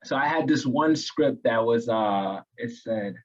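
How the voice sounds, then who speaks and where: A man's voice: medium pitch, unhurried, highs cut off. A man from New York co-hosting a casual real estate training chat, explaining tips in an earnest coaching way. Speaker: real estate agent co-host.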